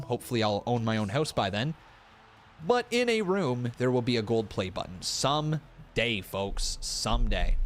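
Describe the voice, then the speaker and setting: Animated thirty-year-old man streaming live. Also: mid-range voice, a little hiss or hum. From Canada. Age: 30s. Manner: animated, talks straight to chat, swears, jokes at himself. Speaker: pro wrestling streamer. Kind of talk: casual live-stream watch-along chat. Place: room in his rented home.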